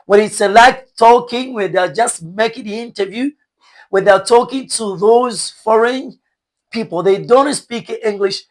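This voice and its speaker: A man's voice: high voice, unhurried. A man with a Rwandan accent speaks straight to his audience in the manner of an online teacher. His delivery is earnest and exhorting, circling back to press each point again. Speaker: English teacher and online content creator. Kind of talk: direct-address lecture to viewers.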